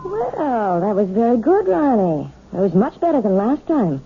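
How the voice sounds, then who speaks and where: A woman playing a gentle, anxious married piano teacher in a radio drama, speaking hesitantly and evasively. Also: a little high, sing-song, normal speed. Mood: gentle, encouraging. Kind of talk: 1970s radio drama acting. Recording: muffled, phone-like old radio recording.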